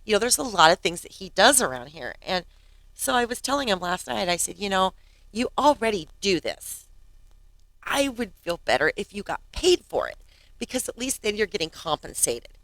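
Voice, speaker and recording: A woman's voice: mid-range voice, sing-song, moderate pace, fairly bright tone, no room sound. A woman in her fifties hosting her podcast, telling a story in a casual chatty way, often laughing and acting out what others said. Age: 50s. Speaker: podcast host.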